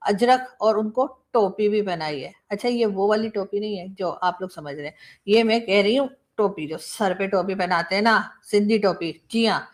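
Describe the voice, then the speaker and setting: A woman's voice: medium pitch, moderate pace. A woman giving casual political commentary, chatty, with rhetorical asides.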